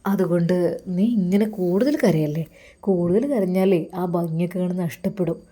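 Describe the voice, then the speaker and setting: A woman putting on a soft-spoken flirtatious husband. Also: animated, slow. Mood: coaxing. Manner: low, soft and coaxing.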